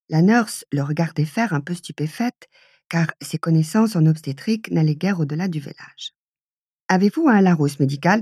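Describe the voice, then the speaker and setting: Audiobook reader: woman, low, mellow and husky, measured storytelling, dry close studio sound. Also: dry recording. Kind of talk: literary audiobook narration.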